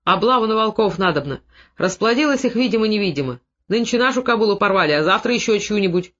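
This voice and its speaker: A reader voicing an angry, short-winded old Cossack grandfather who shouts and scolds. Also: mid-range voice, expressive, fast, highs cut off, close to an everyday voice. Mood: indignant. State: short of breath.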